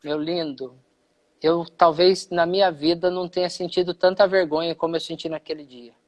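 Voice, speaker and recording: A man's voice: on the high side, fairly even intonation, moderate pace. Earnest Brazilian man telling his testimony. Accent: Brazilian Portuguese. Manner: earnest storyteller who acts out quoted dialogue. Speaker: pastor. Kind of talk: personal testimony in a live conversation.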